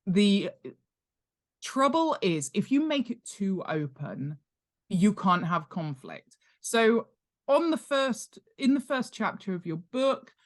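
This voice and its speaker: A woman with a medium-pitched voice speaks slowly as an expert podcast guest, an author and world-building expert, in a casual instructional interview chat. Animated and emphatic, she explains ideas informally, repeats key points for stress, poses rhetorical questions, and acts out examples.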